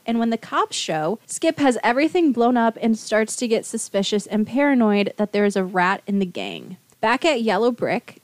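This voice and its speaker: A woman's voice: mid-range voice, no room sound. A woman co-hosting a podcast, summarizing a novel's plot in casual chat with wry asides. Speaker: podcast co-host. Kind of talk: book recap, casual chat.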